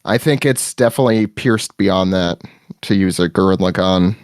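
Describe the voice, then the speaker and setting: A man talking as a guest on a casual podcast, eager and quick to restart his sentences as his voice climbs when he gets excited. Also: low voice, no echo, clean studio sound.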